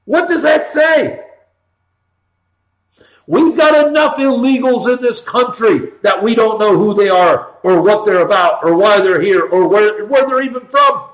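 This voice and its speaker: A fairly high-voiced American man rants through a political monologue as a talk show host. He hammers points by repeating short phrases, swinging from loud outbursts to quieter asides. The sound is noticeably roomy and echoing. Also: measured pace. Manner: emphatic, punchy repetition with swings from loud to hushed. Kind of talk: impassioned political monologue, ranting.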